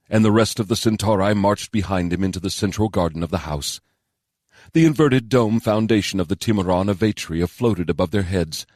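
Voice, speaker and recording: A man narrating a fantasy novel in a steady, measured storytelling voice on a close studio mic. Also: deep voice, no room sound. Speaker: audiobook narrator.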